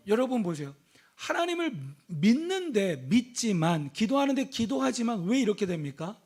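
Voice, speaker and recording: Middle-aged male pastor, high-pitched voice, preaching with swings from loud to hushed and questions thrown at the congregation. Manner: preaching with sudden swings between loud exhortation and hushed, intimate speech; asks the congregation questions and calls out hallelujah. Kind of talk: sermon.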